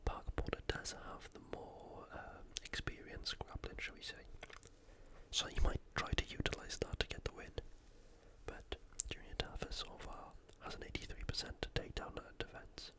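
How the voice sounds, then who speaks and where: At a moderate pace, an ASMR host talks through a sports preview with informal analysis and a touch of hesitancy, all in an airy, unvoiced whisper.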